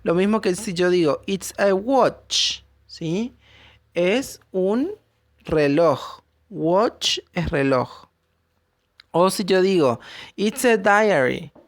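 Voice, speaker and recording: A woman's voice: on the low side, expressive, extremely slow, dry recording, clean studio sound. A woman teacher, explaining English grammar to her pupils and checking after each point that they follow. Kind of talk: recorded classroom lesson.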